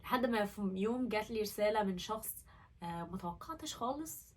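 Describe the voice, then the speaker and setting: A woman's voice: mid-range voice, animated, brisk, far from the mic. A young woman with an Egyptian Arabic accent tells her own story in an earnest, candid and emotional way. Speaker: vlogger. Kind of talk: personal storytelling vlog.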